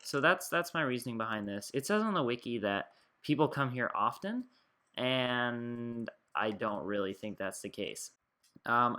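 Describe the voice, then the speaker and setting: Young man, bright voice, rambling, filler-heavy gameplay commentary. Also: medium pitch. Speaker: gaming YouTuber.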